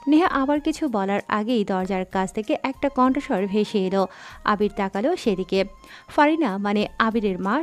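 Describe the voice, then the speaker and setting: A woman narrating a dramatic story in an expressive, scripted reading. Her voice sits a little high, with faint music playing underneath. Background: faint background music.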